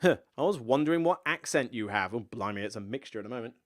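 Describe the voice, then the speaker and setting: A man in his thirties with a Somerset West Country accent chats his way through a live viewer Q&A. He rambles from point to point, pokes fun at himself and keeps wandering off into asides. His voice sits at an ordinary middle pitch for a man. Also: expressive, quick pace. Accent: West Country Somerset, slightly blurred. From West Country, England. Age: 30s. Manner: rambling, chatty, self-deprecating with frequent asides. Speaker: board game channel host. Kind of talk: casual live Q&A chat.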